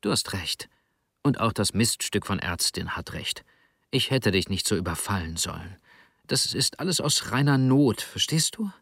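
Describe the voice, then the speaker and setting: A man doing a gruff, remorseful husband. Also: on the low side, lively intonation, normal speed, fairly bright tone, dry recording, clean studio sound, heavily acted. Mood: apologetic. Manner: blunt and pleading.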